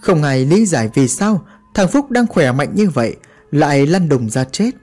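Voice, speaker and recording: A man's voice: a little high, lively intonation, normal speed, darkish tone, soft background music. A man narrating a horror story in a dramatic, vivid way.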